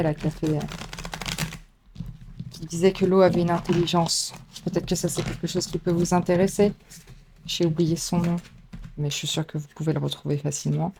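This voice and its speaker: A woman reads tarot cards for her audience in casual, unscripted style chat. She is talkative and warm in a homemade way, filling pauses with little fillers and light self-mockery. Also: on the low side, slight background noise. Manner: chatty, laughs at herself, many fillers. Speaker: tarot reader. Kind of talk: casual tarot reading to camera.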